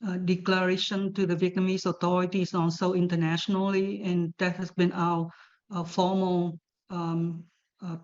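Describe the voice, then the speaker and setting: A woman testifies at a formal hearing for her religious community, stopping often on "uh" and "um" as she picks her words. Her voice is lowish and stays flat in tone. The audio comes through dull and muffled. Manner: hesitant, halting, many fillers. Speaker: panelist speaking for a religious community.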